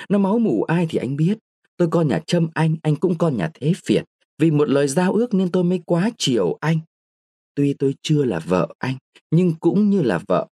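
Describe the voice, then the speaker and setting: A man's voice: on the high side, mellow, no echo, studio quality, voice pushed up. A man reading a story, voicing a proud young woman of eighteen who pleads and reproaches her lover.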